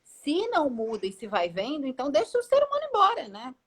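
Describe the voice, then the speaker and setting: A woman's voice: sits high, wildly swooping pitch, fast. A woman hosting an interview, talking reflectively and thinking aloud with hesitations. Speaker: interview host. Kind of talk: conversational interview.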